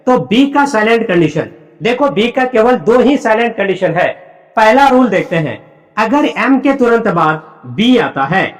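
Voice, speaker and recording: A man teaching English in a coaching class. He spells words out slowly, letter by letter, then keeps asking the pupils what the answer is. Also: high voice. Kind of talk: classroom lesson.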